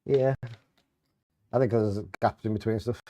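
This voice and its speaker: A man's voice: fairly low pitch, steady tone, a little slow, mellow, dry recording. A man co-hosting a bingo game with casual banter and commentary. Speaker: bingo co-host.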